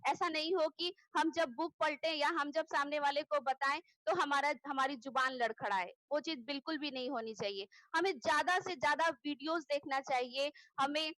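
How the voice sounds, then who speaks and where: A woman with a high, bright-pitched voice leads an online training session, speaking earnestly and pausing often between points. Her voice comes through a video call and sounds close and dry, with no room around it. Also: no room sound, rough recording. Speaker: network marketing trainer.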